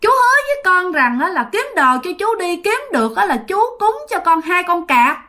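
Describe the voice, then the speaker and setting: A woman's voice: extremely high pitch, very animated, moderate pace, sharp tone, voice pushed up, heavily acted. A woman voicing the ghost of a little boy of six or seven who talks in a childish, complaining, repetitive way.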